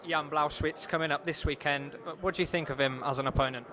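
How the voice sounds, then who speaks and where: A man's voice: on the high side, steady tone, brisk. Male sports interviewer amid crowd chatter. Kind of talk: conversational sports interview questions. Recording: crowd chatter behind, urban venue.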